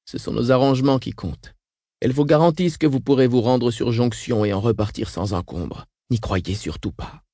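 A frail, weakened old sister, read by a man, recounting horrors in a flat, unshaken tone. The voice is dark and mellow, recorded dry and close in an audiobook reading. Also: mid-range voice, normal speed, no room sound, close to an everyday voice. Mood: grim.

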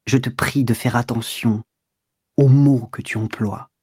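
Curt, cold male scoundrel in a novel audiobook, husky and clipped; narrator's own register. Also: medium pitch, steady tone, a little slow, a little mellow, no room sound, clean studio sound. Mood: smug. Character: cold, self-serving man, curt and dismissive. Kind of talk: audiobook reading.

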